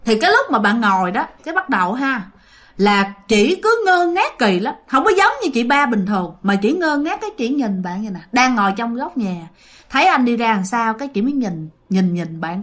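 A woman's voice: a little high, a bit bright. A woman telling a ghost story in a chatty, casual way, full of fillers and asides to her listeners. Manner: chatty, many fillers, addresses listeners directly.

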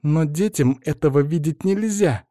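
A man reading an audiobook, voicing a middle-aged woman who is sharp, ironic and cutting with her husband. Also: on the high side, unhurried, dry recording, clean studio sound, voice pushed up, lightly acted. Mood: mocking. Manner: cutting, mocking.

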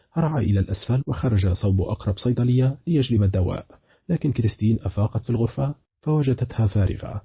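A man reading a horror novel aloud as an audiobook narrator, with brisk, steady storytelling. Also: fairly low pitch, creaky, husky, dry recording, highs cut off.

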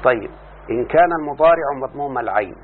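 A man with an Egyptian accent teaching a classroom lesson, explaining slowly and often checking that his students follow. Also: medium pitch, lively intonation. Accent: Egyptian Arabic. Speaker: teacher of Arabic morphology. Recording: tinny lo-fi line with faint hum.

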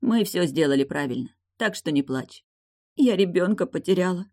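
A reader voicing a wounded man who gently reassures his crying wife in an audiobook. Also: mid-range voice, expressive, normal speed, pitched above the performer's own voice, lightly acted. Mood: tender. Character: wounded man, tender, consoling husband.

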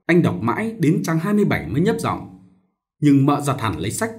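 Animated male audiobook narrator. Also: fairly high pitch, a little fast. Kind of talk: audiobook story reading.

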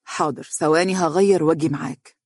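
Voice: medium pitch, fairly even intonation, a little fast, darkish tone, no room sound, studio quality, close to an everyday voice. A storyteller voicing a polite, anxious young male teacher who speaks with an Egyptian accent in a restrained way. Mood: tense. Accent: Egyptian Arabic.

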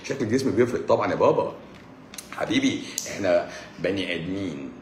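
Fast, sarcastic Egyptian man in an echoey room. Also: sits low, expressive, a little hiss or hum. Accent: Egyptian Arabic. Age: 40s. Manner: sarcastic, mocking, swings between loud outbursts and mutters. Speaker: doctor hosting a live stream. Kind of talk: casual live-stream chat answering comments.

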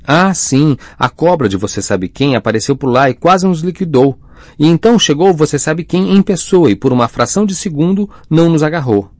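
A man's voice: lowish voice, fast talker, dark tone, dry recording, natural voice. A man voicing a cold, sarcastic teenage girl witch with a biting, superior tone in an audiobook.

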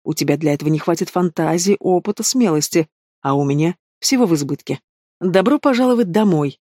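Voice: medium pitch, lively intonation, a little fast, dark tone, dry recording, studio quality, close to an everyday voice. A reader voicing a cruel, mocking male demon who taunts and threatens in a theatrical tone. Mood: menacing calm.

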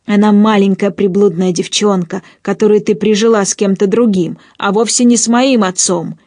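A woman reading an audiobook, voicing a brutish young man who bullies his family, with a loud, harsh, contemptuous delivery. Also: medium pitch, steady tone, normal speed, no room sound, clean studio sound, lightly acted. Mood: raging. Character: brutish bullying young man, quick to rage. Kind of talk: audiobook character voice.

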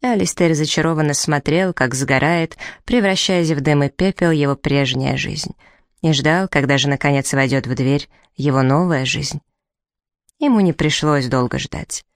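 A woman reading a novel aloud as narrator, in even, measured storytelling. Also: low-pitched, dry recording, studio quality. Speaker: audiobook narrator. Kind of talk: scripted narration.

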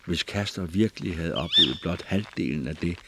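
A man narrating an audiobook in a measured, expressive storytelling manner. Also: deep voice, heavy background noise.

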